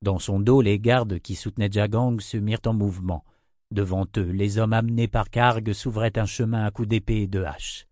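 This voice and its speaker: A man reading a fantasy audiobook in a measured, steady narration. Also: lowish voice, no echo, clean studio sound.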